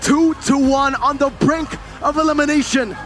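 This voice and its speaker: A man casting an esports match, hyped and shouting at the big moments. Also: very high voice, fairly even intonation, moderate pace, soft background music. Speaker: esports caster. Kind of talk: play-by-play commentary.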